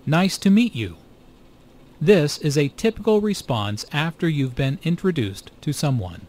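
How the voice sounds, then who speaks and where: Man, scripted lesson narration, steady, slightly higher pitch. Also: very slow. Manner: reads explanations in a steady, even way. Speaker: recorded course narrator.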